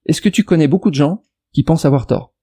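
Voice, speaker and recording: Fairly high, quick and lively in intonation, his voice is dark and slightly rough. A French investment YouTuber, he makes a meandering video response to a viewer's comment, addressing them directly to argue a point, with lots of restarts and fillers.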